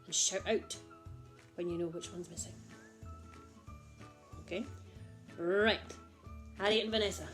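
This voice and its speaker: A woman's voice: lowish voice, fairly even intonation, measured pace, pauses often, fairly bright tone, faint music behind. A woman presenting a children's game like an overbright party host, encouraging and exaggeratedly enthusiastic. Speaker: children's holiday club host.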